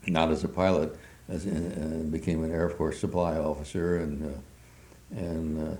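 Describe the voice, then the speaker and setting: In an oral history interview, an older man recalls the past in a very deep, mellow voice, delivered flatly. He pauses often and stumbles through many hesitations, all captured in a roomy, echoing space.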